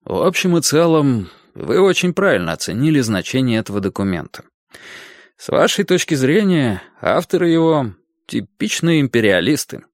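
A man reading the part of a school teacher giving a speech to an assembly, quietly but distinctly. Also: medium pitch, dry recording, clean studio sound.

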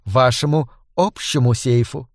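A man voicing a soft, purring, ingratiating male lawyer in an audiobook, with an unctuous mock-caring manner. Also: fairly high pitch, moderate pace, dry recording, studio quality, close to an everyday voice. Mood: oily, soft. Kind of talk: audiobook character voice.

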